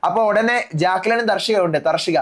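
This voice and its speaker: A man with a high-pitched voice recaps a reality show episode casually, rattling off each contestant's lines one after another.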